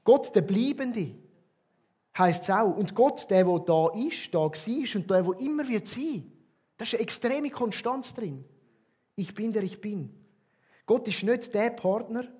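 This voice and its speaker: A man with a Swiss German accent preaching a sermon as a pastor, emphatic, with loud stresses and quiet drops. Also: high-pitched, husky.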